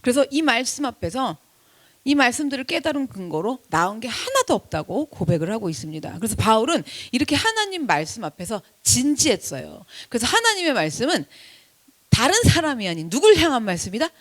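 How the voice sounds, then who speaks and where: Animated woman pastor preaching a sermon. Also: fairly quick. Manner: animated, swings from loud to hushed asides; acts out quoted speech in a high voice. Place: church sanctuary.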